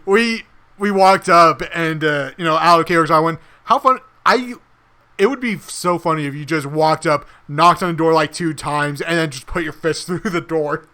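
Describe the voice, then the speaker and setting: A man co-hosting a podcast, chatting casually and telling animated stories about a tabletop campaign, acting out characters' lines. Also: a little high, normal speed, clean tone. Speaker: podcast co-host and tabletop player. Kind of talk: casual chat.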